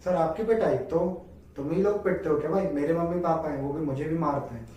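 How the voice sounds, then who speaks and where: A man gives a chatty economics lesson, posing questions and answering them himself. His voice sits high, and it comes from some way off the mic in a very echoey room. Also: brisk, dark tone, far from the mic. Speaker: teacher. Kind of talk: playful classroom lecture.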